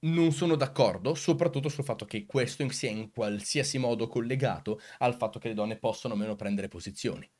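A man's voice: medium pitch, a little fast, few pauses, darkish tone. A man speaking emphatically as a video host, commenting on clips and putting rhetorical questions to viewers.

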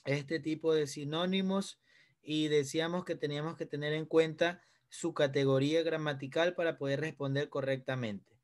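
A man with a high-pitched voice and an Ecuadorian accent leads a lesson. He explains each point step by step and often turns to the students with questions. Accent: Ecuadorian Spanish. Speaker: teacher. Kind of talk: online class lesson.

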